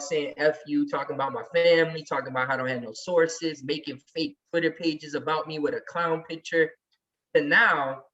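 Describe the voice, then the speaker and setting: A man's voice: fairly high pitch, fairly bright tone. A man talking emphatically and heatedly in casual chat as a regular on a sports podcast. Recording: distant, muffled recording.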